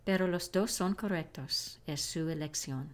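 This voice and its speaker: A woman teaching grammar in a recorded lesson, slowly drilling example phrases. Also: sits low. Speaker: English teacher.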